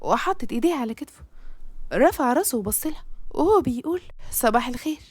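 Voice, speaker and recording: Brisk Egyptian woman storyteller. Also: high-pitched, very animated, a little mellow, no echo. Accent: Egyptian Arabic. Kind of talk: serialized story narration.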